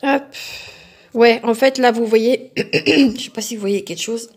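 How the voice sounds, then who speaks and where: Female crafting host, slightly raised pitch, casual rambling unboxing chat full of fillers. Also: unhurried. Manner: chatty and self-talking, musing aloud with many fillers.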